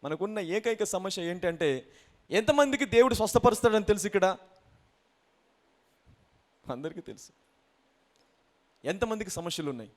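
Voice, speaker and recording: Pastor, male, high and very lively delivery, sermon with call-and-response hallelujahs. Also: normal speed, long pauses. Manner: exhorting the congregation, mixing in English phrases and repeated hallelujahs.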